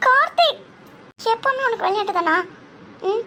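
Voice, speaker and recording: A man's voice: very high-pitched, sing-song, moderate pace, bright, forceful tone, slight background noise, voice pushed up, heavily acted. A man voicing a tearful young woman, a bride who pleads with her brothers and reproaches them. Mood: pleading.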